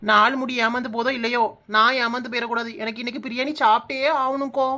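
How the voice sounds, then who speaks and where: A slightly high, coaxing cartoon village woman who schemes for a feast, as a woman voices her. She has a Kanyakumari Tamil accent and pleads and wheedles. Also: little pitch movement, quick pace, sharp tone. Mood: wheedling. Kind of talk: cartoon voice acting.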